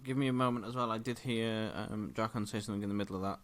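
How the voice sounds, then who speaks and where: A man acting as game master, narrating a tabletop game casually in a hesitant, halting way. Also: fairly low pitch, fairly even intonation.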